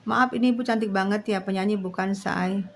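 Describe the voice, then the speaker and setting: A woman's voice: medium pitch, fairly even intonation, a little fast, slight background noise. A woman, livestreaming and talking bluntly and directly to her viewers. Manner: blunt, slangy, speaks straight to her viewers. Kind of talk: live stream chat.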